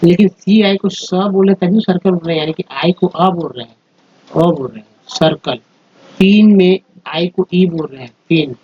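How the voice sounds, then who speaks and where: Slow, repetitive male language teacher. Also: high-pitched, mellow. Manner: spells words letter by letter and repeats sounds slowly. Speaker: English teacher. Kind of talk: slow explanatory lesson. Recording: dull lo-fi recording with faint noise.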